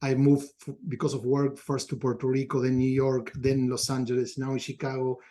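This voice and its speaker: Speaking fairly quickly in a completely flat, dark-toned, medium-pitched voice, this Argentine podcast guest, a middle-aged culture consultant, reflects conversationally on his answers with an Argentine Spanish accent.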